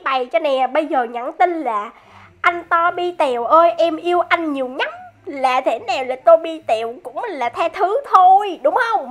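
Very high-pitched excited woman gamer. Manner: excited, teasing, chatty, laughs often; addresses viewers directly. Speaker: gaming YouTuber. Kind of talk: game commentary.

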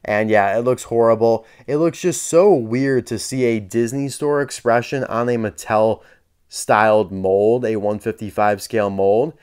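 A man's voice: medium pitch, measured pace, a little mellow, smooth. A man chatting casually as he unboxes and reviews collectible toy cars, candid and dryly sarcastic.

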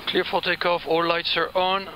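A man's voice: high-pitched, level tone, a little slow. A man working as an airline pilot, giving terse checklist callouts on a headset. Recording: loud cockpit noise.

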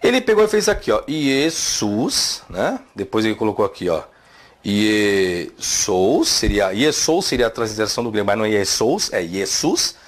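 A man's voice: fairly low pitch, big pitch swings, fast, hardly any pauses. A man teaching theology, rebutting a video with emphatic rhetorical questions.

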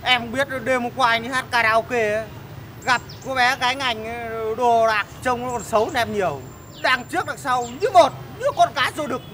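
A man's voice: very high-pitched, moderate pace, sharp tone. A man playing a rude, teasing motorbike taxi driver in a comedy sketch. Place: outdoors on a city street. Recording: street noise outdoors.

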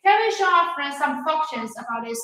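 A woman's voice: high-pitched, lively intonation, brisk. A young woman presenting products on a livestream demo, upbeat and greeting viewers by name. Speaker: sales presenter. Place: large echoey warehouse showroom. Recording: echoey room, faint background noise.

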